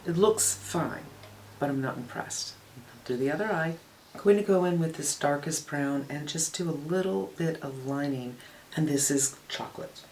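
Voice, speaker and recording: An older woman with a low voice narrates a casual makeup tutorial at a moderate pace, sounding relaxed and conversational. She critiques each product frankly and matter-of-factly, like a beauty vlogger. The recording is low quality, with a faint hiss underneath.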